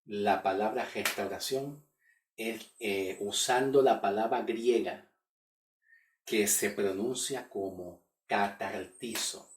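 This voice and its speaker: Slow-talking male Bible teacher. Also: on the low side, slight background noise. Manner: slow, repeats key words, checks in with listeners. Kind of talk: Bible study lesson. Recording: echoey room, voice from far off the mic.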